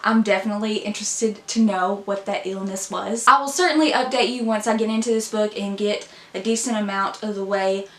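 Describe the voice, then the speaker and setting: A woman's voice: mid-range voice, fairly even intonation, brisk, few pauses, fairly bright tone. A woman talking casually to her viewers as a book vlogger, upbeat and chatty. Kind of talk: casual chat. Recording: roomy echo.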